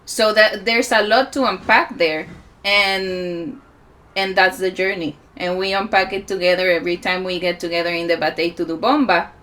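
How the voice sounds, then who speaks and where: A woman in her forties with a Puerto Rican accent, giving a reflective conference talk with many pauses. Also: fairly low pitch, fairly even intonation, a bit bright. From Puerto Rico. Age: 40s. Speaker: musician and healer speaking at a conference.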